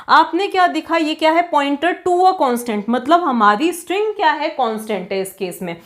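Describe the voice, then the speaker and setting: A woman with a bright, high voice teaches programming in a classroom style. She keeps asking rhetorical questions and then answering them herself, mixing technical terms into her speech. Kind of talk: classroom-style coding lecture.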